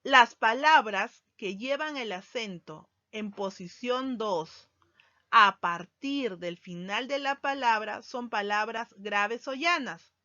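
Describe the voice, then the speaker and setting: Woman teacher, slow deliberate lesson delivery, lo-fi sound. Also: on the high side, pushed and bright, dry recording. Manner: slow, deliberate, stresses key words. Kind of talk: recorded grammar lesson. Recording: dull lo-fi sound, dry.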